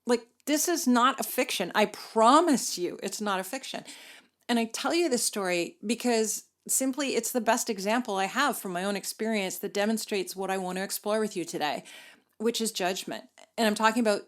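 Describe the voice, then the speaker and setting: Middle-aged woman host, chatty first-person storytelling, medium pitch. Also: moderate pace. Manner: conversational, sprinkled with "like" and "you know". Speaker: podcast host.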